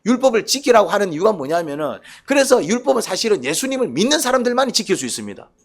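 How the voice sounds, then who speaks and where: Male pastor, high and very lively voice, keeps quizzing the congregation mid-sermon. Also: fast. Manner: animated, keeps asking the congregation questions. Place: church.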